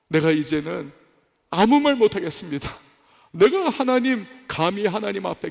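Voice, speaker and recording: A man's voice: high voice, gravelly, full character voice. A man voicing a humbled, suffering man who confesses earnestly and pleads before God. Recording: echoey church hall.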